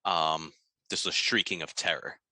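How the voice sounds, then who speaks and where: A man's voice: low voice, steady tone, measured pace, pushed and bright, no room sound, studio quality. A man playing at a tabletop game, talking casually with the game master. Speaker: player.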